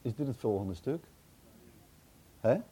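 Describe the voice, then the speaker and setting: Man, casual Bible reading with commentary, warm dark tone, hesitant conversational asides, thinking aloud. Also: medium pitch, animated, takes it slowly, slight background noise. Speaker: Bible teacher.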